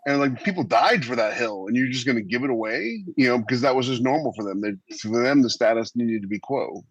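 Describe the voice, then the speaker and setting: A fast-talking American man with a husky, medium-pitched voice and lively intonation co-hosts a podcast over an online call, chatting casually and telling anecdotes in a panel discussion. The audio is dry, slightly dull, and has no echo.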